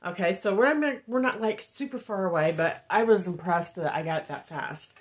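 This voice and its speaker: The woman's voice is lowish with a moderate pace. A wax melt reviewer from Indiana, USA, she chats in a rambling haul vlog indoors at home, nasal from a head cold, with lots of ums as she reads cards aloud.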